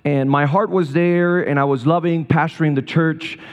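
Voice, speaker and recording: A man from Rico, giving a sermon as a guest speaker at a church service, telling personal stories with gentle humor. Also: a little high, steady tone, normal speed, in a large hall, highs cut off. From Puerto Rico.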